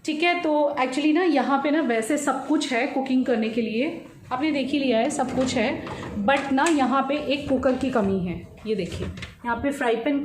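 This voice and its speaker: A woman in her thirties vlogs casually into a handheld phone, switching between Hindi and English words. Her voice sits a little high, and a faint background hiss runs under it. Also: a little mellow. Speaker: daily vlogger. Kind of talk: casual vlog narration to camera. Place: indoors at a resort, then outdoors on a scooter ride.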